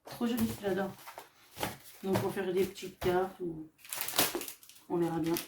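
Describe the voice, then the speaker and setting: A woman vlogger casually showing off her craft shopping haul, chatty and hesitant, often pausing on fillers as she describes each item. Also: fairly low pitch, distant mic, noisy background. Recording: echoey room, voice off-mic.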